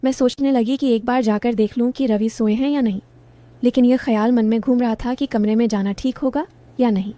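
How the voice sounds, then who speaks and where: A woman narrating a romantic family story in the first person, calm and even. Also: on the high side, brisk, dry recording.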